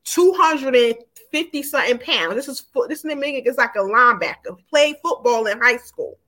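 A woman in her forties with a fairly high voice talks as a podcast guest. She tells her own story openly and informally, in long run-on stretches full of "um" and "like". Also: lively intonation, normal speed, pushed and bright. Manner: frank, informal, run-on telling with many fillers. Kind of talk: candid personal storytelling.

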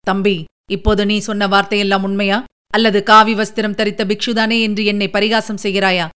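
A woman's voice: mid-range voice, little pitch movement, moderate pace, a bit bright, smooth, lightly acted. A woman voicing an older male Buddhist monk in an audiobook, speaking in a bitter, hissing, cursing way. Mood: suspicious. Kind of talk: audiobook character reading.

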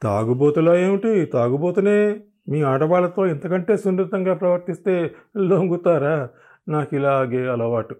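A man's voice: fairly high pitch, normal speed, mellow, pitched above the performer's own voice, close to an everyday voice. A man voicing a drunken, crude young husband who mocks and bullies in a coarse, drawling manner. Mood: mocking. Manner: mocking and coarse, drawling with English endearments.

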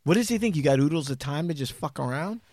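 A man's voice: fairly high pitch, expressive, quick pace, a little mellow, no echo, clean studio sound. A man co-hosting a casual podcast, cutting in with questions and reactions to the story. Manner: interjecting, reacting, swearing. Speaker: podcast co-host. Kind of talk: casual chat.

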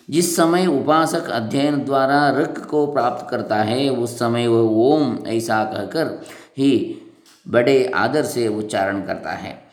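A man slowly reciting scripture verses in a measured, chanting way, then explaining them plainly. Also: medium pitch, reverberant. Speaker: scripture reader. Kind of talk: slow recitation and translation of scripture.

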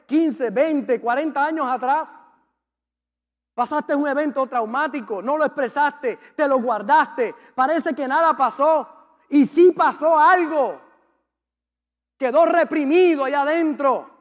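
A man preaching a sermon as a pastor, impassioned and repetitive as he urges the congregation on. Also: extremely high pitch. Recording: long reverb of a large hall.

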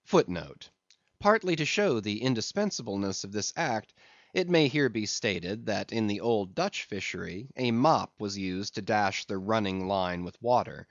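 Male audiobook narrator, slow and lively in pitch, dry dull lo-fi sound. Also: dry recording. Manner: measured, expressive storytelling. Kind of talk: scripted narration.

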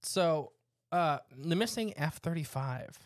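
A man's voice: on the high side, expressive, slow pace, no echo, studio quality. Rambling podcast co-host man. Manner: rambling, laughs often, trails off mid-sentence. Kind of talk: casual chat.

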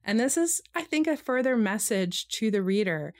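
A woman's voice: fairly high pitch, animated, no room sound, studio quality. A woman co-hosting a podcast, chatting casually and reflectively about a historical recipe. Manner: reflective, reads quotes aloud slowly. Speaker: podcast co-host.

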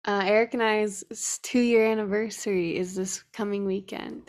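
A young woman co-hosting a podcast, chatting casually. She tells her story loosely, with plenty of "like" fillers, at an ordinary middle pitch. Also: steady tone, moderate pace. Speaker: podcast co-host. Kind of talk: casual chat.

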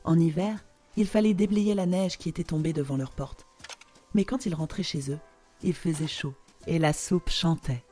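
A woman narrating a storybook tale in a slow, expressive telling. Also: deep voice, faint music behind.

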